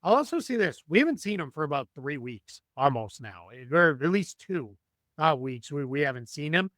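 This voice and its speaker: A man's voice: on the high side, very animated, normal speed, fairly bright tone, dry recording. A man losing his voice, talking through basketball analysis as a podcast guest, thinking aloud with many restarts and ums.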